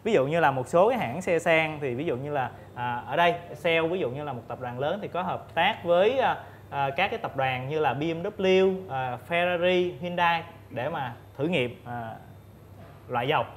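A man in his thirties with a fairly high voice explains things patiently and in order, pausing often to fill gaps. He talks on a lapel mic in a studio, with a faint hum behind him. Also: lively intonation. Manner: measured, explains step by step with many fillers. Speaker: lubricant expert guest. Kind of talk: explanatory panel talk. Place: indoor TV studio set.

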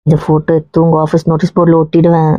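A woman's voice: low-pitched, monotone, racing, dark tone, no echo. A woman, coaxing and teasing as a wife in a scripted family drama. Her voice sits in an ordinary middle register. The sound is dry and a little dull.

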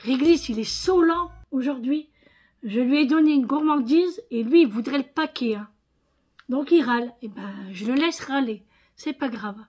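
A woman's voice: high voice, normal speed, a little mellow, soft background music. A tired woman chatting casually in her vlog, with a northern French accent and lots of fillers and little tags. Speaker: vlogger. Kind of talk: casual chat.

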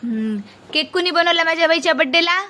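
A young mother chats with her small children in a casual home vlog, her voice pitched high. She coaxes them along, asking the same playful questions again and again. Faint background noise sits under her voice. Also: animated, quick pace, sharp tone. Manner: coaxing, asks playful repeated questions.

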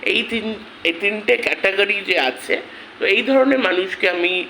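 Bright-voiced man in an angry vlog. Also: high-pitched, a little hiss or hum, poor audio. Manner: speaks slowly and quietly, rising in anger. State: has a headache. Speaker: vlogger.

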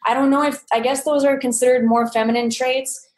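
A woman's voice: sits high, steady tone, fairly quick, a little mellow. A woman guest in a conversational interview, explaining things like a patient English teacher, in a roomy recording.

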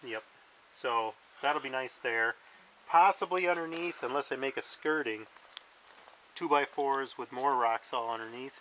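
A man's voice: medium pitch, unhurried, a bit bright, a little hiss or hum, poor audio. A man explaining, in a practical, matter-of-fact way, how he will fix up an old camper, speaking by and inside it. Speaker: friend describing his repair plans. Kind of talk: casual explanation.

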